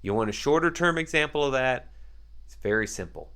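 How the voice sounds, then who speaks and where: A man's voice: mid-range voice, lively intonation, brisk, fairly bright tone, clear, resonant tone. A man speaking as a podcast guest, earnest and reflective, building his points through everyday examples in casual conversation.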